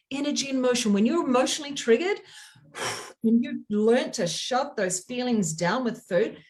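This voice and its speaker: A middle-aged woman with a voice that sits a bit higher than most gives a motivational talk on emotional eating. She speaks straight to her listener, with urgent and emphatic delivery.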